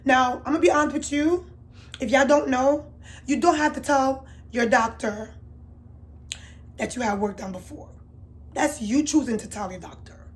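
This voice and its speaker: Chatty woman vlogger, high voice. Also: normal speed, pauses often. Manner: chatty and candid, confiding asides to viewers; swings between loud emphatic bursts and low murmurs. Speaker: beauty vlogger. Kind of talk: storytime vlog.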